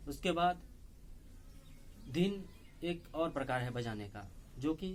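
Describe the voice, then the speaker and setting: A man teaching tabla step by step, explaining slowly and patiently and saying the drum syllables aloud between strokes. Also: fairly high pitch, expressive, slight background noise. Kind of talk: step-by-step music lesson. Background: loud tabla playing.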